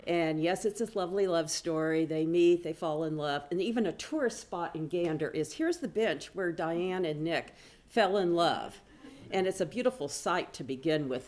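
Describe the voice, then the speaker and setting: Woman, low pitch, business professor, conference talk, chatty, self-deprecating asides. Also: a little mellow. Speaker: business professor presenting at a symposium. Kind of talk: conference presentation with slides. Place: conference room.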